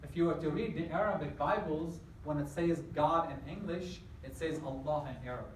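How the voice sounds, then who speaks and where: The guest lecturer, a middle-aged Afghan man, talks a little fast in a slightly high voice, questioning the campus audience while explaining. His words reach a far camera at the back of the spacious hall, sounding echoey and remote with a little hiss or hum.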